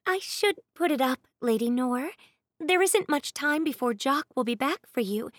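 Timid young maid, high and bright, eager to please, read by a woman narrator in a dry booth. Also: expressive, unhurried, dry recording. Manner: meek, polite, cautious.

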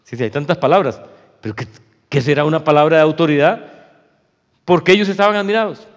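High-voiced preacher in a reverberant hall. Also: male voice, quick pace, highs cut off. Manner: addresses listeners as "hermano", emphatic and conversational. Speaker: pastor. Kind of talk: sermon.

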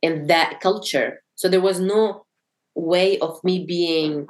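A woman's voice: lowish voice, fairly even intonation, slow. Reflective young woman from Syria. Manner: reflective, searching for words with many restarts. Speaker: guest. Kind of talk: casual conversation.

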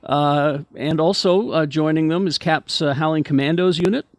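A man hosting a casual panel chat, talking in a halting, stumbling way. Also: a little high, no echo, clean studio sound. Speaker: podcast host.

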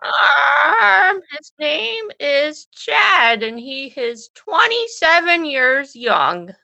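A woman's voice: sits high, very animated, drawn-out words, creaky, sharp tone, no echo, exaggerated voice. A woman voicing a cheeky, randy old grandmother, with a shaky, crackly voice in improv comedy.

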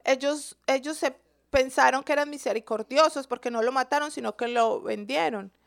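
Woman Bible teacher, sermon delivery, high voice with gravelly fry, quizzes the congregation. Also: moderate pace. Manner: asks the listeners questions.

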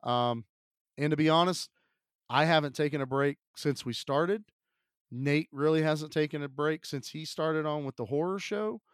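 A man with a slightly raised pitch talks through a stuffy, sick-sounding voice as he co-hosts a movie podcast. He rambles in an upbeat, chatty way, and the recording is close and dry with a smooth, clean tone. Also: normal speed, no room sound. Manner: chatty, upbeat, frequent fillers. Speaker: podcast co-host. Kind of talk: casual podcast chat.

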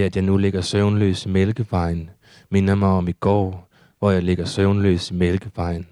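A man reading his own surreal prose poetry aloud in a steady, measured recitation. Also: sits low, no echo, clean studio sound.

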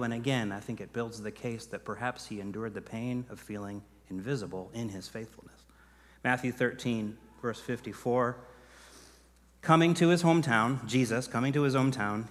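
A man preaching a sermon as pastor, earnest, building to emphatic peaks and then dropping quiet. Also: medium pitch, in a large hall.

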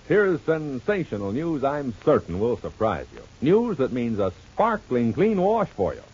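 A man's voice: mid-range voice, a little mellow, husky. A man announcing on an old radio show, selling a product and introducing the serial with eager, salesman-like delivery. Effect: old radio broadcast sound. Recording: muffled old radio transcription with music.

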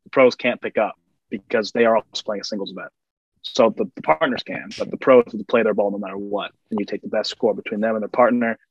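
A man's voice: fairly low pitch, steady tone, fast, breathy edge, dry recording, highs cut off. A man co-hosting a sports podcast, rambling through long explanations of golf rules in casual chat. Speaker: podcast co-host.

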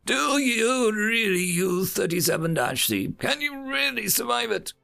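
A man's voice: a little high, animated, moderate pace, creaky, faint music behind, voice pushed up. A man voicing a nervous male insectoid alien crewman who talks in an anxious, pleading way. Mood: daring.

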